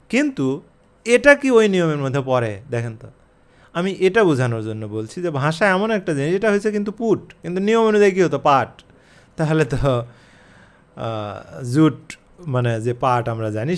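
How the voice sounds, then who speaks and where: A man explaining English pronunciation as a teacher, his pitch rising and falling a lot as he speaks. His voice sits a little high for a man. He asks rhetorical questions and slows right down to spell words letter by letter. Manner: lively, questioning, drawing out letters slowly to spell. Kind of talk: explaining a lesson to camera.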